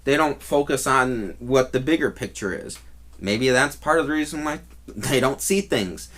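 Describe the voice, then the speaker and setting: A man telling a first-hand story in a casual vlog style, talking in a rambling, halting way that often restarts. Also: medium pitch, lively intonation, fairly bright tone. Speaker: vlogger.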